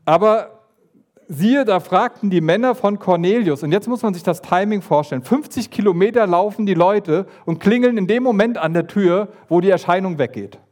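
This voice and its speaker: A man giving a lively sermon, retelling a Bible story and acting out the figures with sudden asides. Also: normal speed. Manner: animated, acts out voices of the story with pitch jumps and asides. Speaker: preacher.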